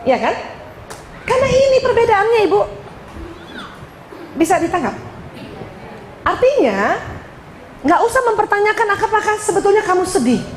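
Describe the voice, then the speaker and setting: A woman's voice: very high voice, normal speed, long pauses, roomy sound, a little hiss or hum, rough recording. A woman from Indonesia giving a religious lecture to women, joking and speaking straight to her audience. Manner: lively, joking, addresses audience directly.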